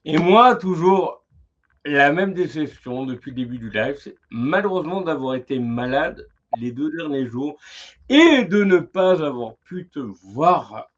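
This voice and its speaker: A man hosting a casual live-stream interview, talking in a halting way as he searches for his words. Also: a little high, expressive. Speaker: interviewer, live show host. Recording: muffled lo-fi sound.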